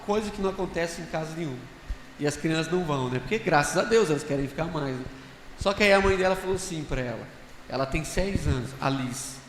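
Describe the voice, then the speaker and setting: A man's voice: a little high, slight background noise. A man speaking on a church conference panel in a casual talk style, telling stories and asking the audience rhetorical questions. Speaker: conference panelist sharing reflections. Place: large church hall. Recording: echoey hall with long reverb, faint ambience.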